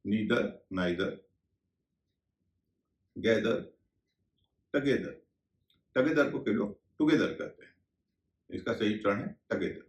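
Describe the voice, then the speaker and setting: Low-voiced man teaching pronunciation, echoey room. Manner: slow, deliberate, spelling out words letter by letter. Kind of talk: explaining pronunciation rules in a video class.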